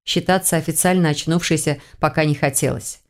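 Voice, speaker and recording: A woman narrating a first-person fantasy novel in a measured, expressive reading. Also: low voice. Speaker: audiobook narrator.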